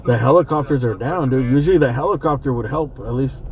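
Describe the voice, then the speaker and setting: A man's voice: medium pitch, quick pace, darkish tone. A man giving casual, slangy live commentary as he moves through city streets, thinking aloud over vehicle noise. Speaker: live streamer reporting from the street.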